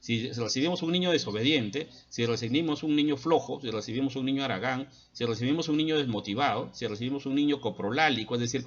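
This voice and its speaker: A middle-aged man, a school psychologist giving an earnest advice talk to parents, often pausing on hesitant fillers. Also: medium pitch, a bit bright, lo-fi sound. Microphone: laptop.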